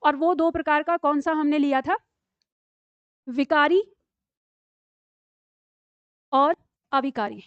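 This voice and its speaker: A woman's voice: sits high, measured pace, no echo, lo-fi sound. A woman teacher giving a live classroom lecture, patiently explaining spelling tricks and asking her students questions. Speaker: Hindi teacher.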